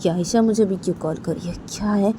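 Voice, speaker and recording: A woman voicing an irritable, tomboyish young woman who talks in masculine forms, loud and snappy. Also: quick pace, noisy background, lightly acted. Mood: irritated. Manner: snappy, raised pitch and loud.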